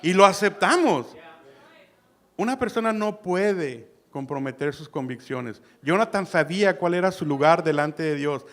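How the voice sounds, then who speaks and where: A young man preaches in a fairly high voice. He is animated, swinging from loud, stressed lines to quiet, close asides. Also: a little slow. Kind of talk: sermon.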